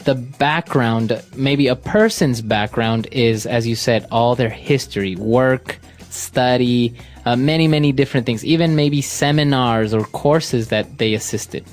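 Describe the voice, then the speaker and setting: A man from Ecuador co-hosting an English lesson podcast, explaining vocabulary calmly and steadily. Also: medium pitch, a little slow, soft background music. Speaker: co-host.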